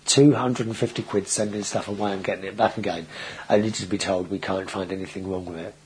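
A man's voice: deep voice, fairly even intonation, fast talker, a little mellow, a little hiss or hum, low-quality recording. A man hosting a casual video show, talking in a chatty, rambling way with frequent restarts. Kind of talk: casual vlog monologue.

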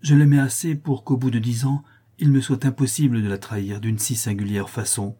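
A man's voice: medium pitch, steady tone, a little fast, warm tone, husky, natural voice. A man reading an audiobook who voices an earnest, anxious young woman who speaks hesitantly and explains herself. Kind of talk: audiobook character voice.

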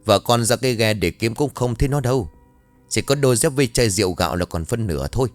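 A man's voice: mid-range voice, lively intonation, soft background music, natural voice. A man voicing a flustered village man who hurriedly tells of a drowning. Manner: hurried, breathless telling.

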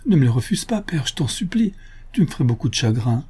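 A man's voice: medium pitch, big pitch swings, quick pace, warm tone, breathy edge, pitched above the performer's own voice. A man voicing an anxious young married daughter who pleads hesitantly with her father. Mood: pleading.

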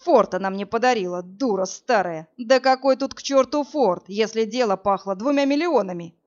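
A woman's voice: a little high, normal speed, a little mellow, muffled recording, natural voice. A woman reading an audiobook, voicing a cruel, greedy young man who gloats and sneers over his victims. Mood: gloating.

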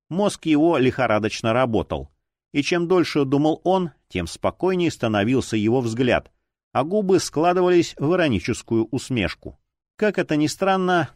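A man narrating a detective story in a measured, expressive reading. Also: mid-range voice, no room sound, studio quality. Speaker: audiobook narrator. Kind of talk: scripted narration.

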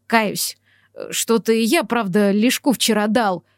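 A woman reading an audiobook, voicing a hungover young male boss who mutters gruffly and sheepishly. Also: fairly high pitch, measured pace, no echo, clean studio sound, lightly acted. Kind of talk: audiobook character voice.

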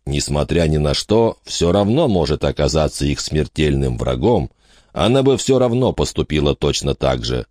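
A man narrating an audiobook in a dramatic, measured reading style. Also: deep voice, a little mellow, dry recording, clean studio sound. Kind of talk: scripted narration.

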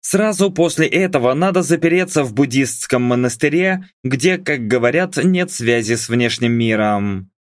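A man reading a first-person story aloud in a measured, wry storytelling manner. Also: mid-range voice, expressive, no echo, studio quality. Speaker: audiobook narrator. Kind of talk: audiobook reading.

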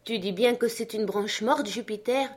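A raised, urgent voice for a feverish gentleman barking orders up into a tree, as a woman reading a storybook acts him out. He is impatient and commanding throughout. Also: on the high side, measured pace, pitched above the performer's own voice. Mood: anxious.

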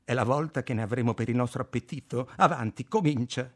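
Man doing a quick smart young soldier, 19, brisk, hurry-up tone. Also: medium pitch, close to an everyday voice. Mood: urging. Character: clever young male soldier, nineteen.

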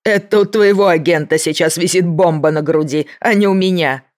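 A reader voicing a desperate, unhinged man who has a bomb and shouts threats down the phone. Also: medium pitch, normal speed, voice pushed up, close to an everyday voice. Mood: threatening. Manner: shouting, hissing, voice breaking. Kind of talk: audiobook character voice.

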